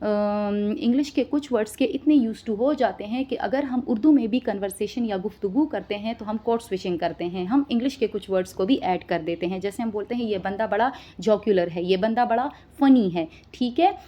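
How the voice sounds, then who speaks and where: A woman teaching vocabulary, listing each word with its meaning and often checking understanding with a quick question. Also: medium pitch, warm tone. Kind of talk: spoken vocabulary lesson.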